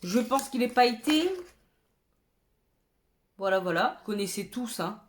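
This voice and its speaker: A woman beauty vlogger in casual haul chat, chatty and expressive, with exclamatory asides as she shows her purchases. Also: fairly high pitch, a little slow.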